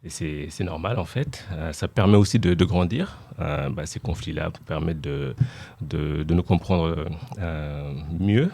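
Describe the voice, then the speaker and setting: A man raised in France, a bar owner talking as a podcast guest in a casual, halting way with many repeated words. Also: deep voice, gravelly, warm tone.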